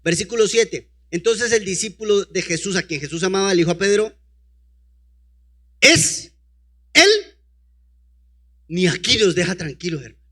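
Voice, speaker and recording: Talking fast in a high, fairly bright voice, a preacher reads scripture to his congregation and breaks in with rhetorical questions. He also calls to a helper to move the slides forward.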